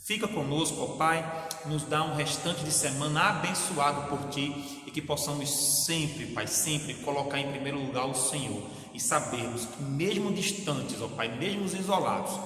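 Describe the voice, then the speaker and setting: A man's voice: mid-range voice, fairly bright tone, slight background noise. A man, a pastor leading a fervent closing prayer and giving announcements, repeating "Senhor" and "ó Pai" between phrases. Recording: echoey room with long reverb, faint ambience.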